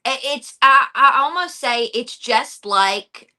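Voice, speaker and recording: A woman in a casual interview chat, telling stories in an animated way and acting out quotes. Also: high voice, takes it slowly. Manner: animated storyteller, acts out quotes. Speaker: wrestling announcer, interview guest.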